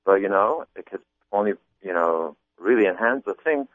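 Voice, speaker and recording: A man with a lowish voice talks casually about making his album, often restarting and repeating words as he goes. The sound is thin and phone-like, with a dry, close feel and no room echo. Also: animated, moderate pace. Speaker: comedy album artist. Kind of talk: casual interview talk. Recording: muffled phone-line sound.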